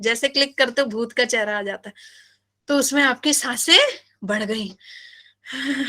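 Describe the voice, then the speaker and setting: A woman teaching biology in a live class, animated and playful, often asking her students questions. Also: a little high, a little slow.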